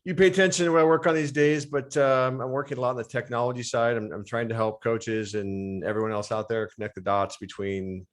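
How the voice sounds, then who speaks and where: A man's voice: mid-range voice, steady tone, fairly quick, hardly any pauses. An American man speaking as a podcast guest, explaining things fluently in casual conversation. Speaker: podcast guest, strength and conditioning coach. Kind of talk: casual interview chat.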